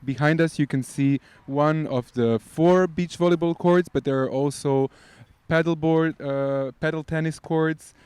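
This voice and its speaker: A man speaks as a guest in a relaxed outdoor podcast chat, explaining things at length with plenty of fillers. His voice is smooth and clear, and the recording sounds dry and close. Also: fairly high pitch, a little slow, hardly any pauses, dry recording. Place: outdoors by beach volleyball courts.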